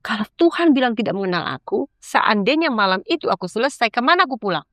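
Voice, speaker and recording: A woman's voice: on the high side, big pitch swings, quick pace, a bit bright, no echo, clean studio sound. A middle-aged woman, a podcast guest, giving an earnest, preachy personal testimony and acting out her own pleas in a rising voice.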